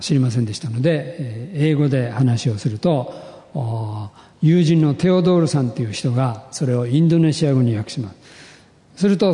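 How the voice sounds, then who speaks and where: Male pastor, earnest sermon testimony, mellow tone, reverberant hall. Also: medium pitch. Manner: earnest, measured storytelling with rising emotional emphasis.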